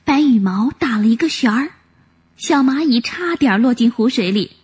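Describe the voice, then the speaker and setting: Woman storyteller, children's story, high voice, very lively intonation. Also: moderate pace, breathy edge. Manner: expressive, animated storytelling. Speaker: narrator.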